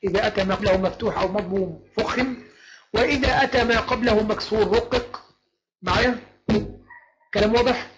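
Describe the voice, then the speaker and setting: A man's voice: high-pitched, fairly bright tone. Egyptian man teaching Quran recitation rules. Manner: keeps asking the class if things are clear, chants verse lines slowly. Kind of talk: online tajweed lecture. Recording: noisy online lecture recording.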